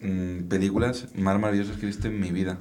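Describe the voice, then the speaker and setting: A man from talks quickly in a very deep, low voice. He rambles through a casual radio chat, hesitating and filling the gaps as he goes. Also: flat delivery, a little mellow. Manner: rambling, hesitant, filler-heavy. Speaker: radio show co-host, teacher.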